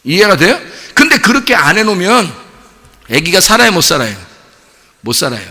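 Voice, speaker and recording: A man preaching a sermon, animated and playful, putting questions to the congregation and answering them himself. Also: high voice, brisk. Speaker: pastor. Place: church. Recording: church hall with long reverb.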